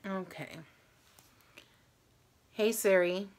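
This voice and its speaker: A woman's voice: medium pitch, steady tone, extremely slow, darkish tone. A tired woman in her thirties chatting casually to camera as she hosts a challenge vlog. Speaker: host of a challenge video. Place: small room at home.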